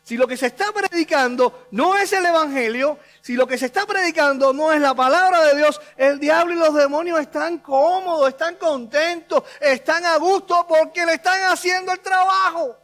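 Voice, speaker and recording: Male pastor with a very high voice, emphatic preaching that repeats its points. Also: normal speed, few pauses, fairly bright tone. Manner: emphatic, repeating key phrases for stress. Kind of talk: sermon.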